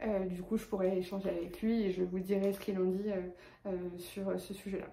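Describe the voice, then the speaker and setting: A woman's voice: mid-range voice, level tone, brisk, gravelly, warm tone, echoey room. A woman with a lisp on her s sounds, talking casually and hesitantly in a personal vlog update. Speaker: vlogger.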